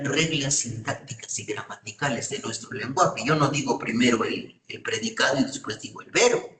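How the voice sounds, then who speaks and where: A man's voice: mid-range voice, a bit bright, distant mic. A man giving a university lecture, often checking in with students with short questions. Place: classroom. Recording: echoey room, voice off-mic.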